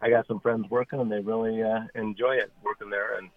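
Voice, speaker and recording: A man calling a radio show from his car speakerphone while driving, talking haltingly with lots of "uh" and sounding grateful. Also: lowish voice, level tone, dry recording. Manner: halting, many "uh" fillers, grateful. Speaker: radio call-in listener. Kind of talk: casual call-in chat. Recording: tinny dry phone line.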